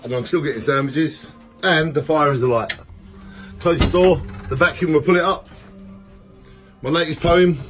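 A man in his forties filming a casual home vlog on a phone at arm's length, rambling upbeat and dropping into soft murmurs. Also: a little high, moderate pace, pauses often, soft background music. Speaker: vlogger. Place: small home, indoors. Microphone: phone held at arm's length.

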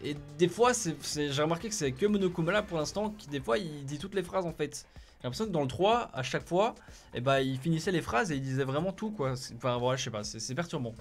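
A man's voice: fairly high pitch, animated, quick pace, soft background music. A man hosting a let's play video, commenting in a chatty, hesitant way with frequent restarts. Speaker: gaming video host.

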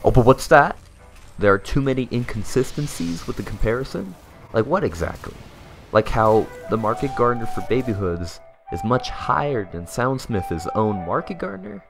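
A young man delivering a mock-serious comedic voice-over as a gaming YouTuber. His tone is deadpan and sarcastic, and at times it slides into exasperated rants. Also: mid-range voice, moderate pace, creaky. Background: faint background music.

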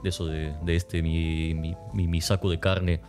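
A man's voice: low voice, level tone, a little slow. A young man, raised in Spain and Argentina, casually chatting with his stream chat while gaming, coughing now and then. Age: young adult. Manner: rambling, joking, answering chat. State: persistent cough. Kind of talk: casual gameplay commentary, reading chat. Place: home streaming room. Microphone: desk mic near webcam. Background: game music.

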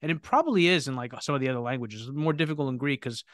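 This podcast host leads a live Q&A with lots of energy, frequently self-correcting through restarts. He has a medium-pitched voice and talks fast, and the studio-quality recording has no room sound.

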